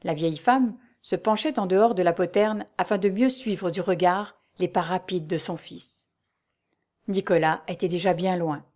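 A woman narrating a historical adventure novel aloud in a measured, even storytelling voice. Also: lowish voice. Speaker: audiobook reader. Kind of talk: scripted narration.

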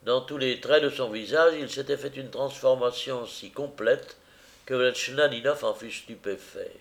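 A man reading a novel aloud as narrator, in a measured, even storytelling manner. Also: medium pitch, creaky.

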